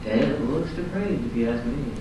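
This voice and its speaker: A man playing a deadpan character in an amateur game parody cartoon, with stilted bad acting. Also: mid-range voice, moderate pace, natural voice. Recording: echoey, distant, noisy playback in a room.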